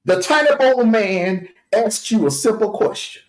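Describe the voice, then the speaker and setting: A man's voice: sits high, lively intonation, unhurried. Male streamer host, mocking rant, voice leaps up and down, echoey room. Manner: taunting, jeering, with scornful laughs. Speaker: livestream host.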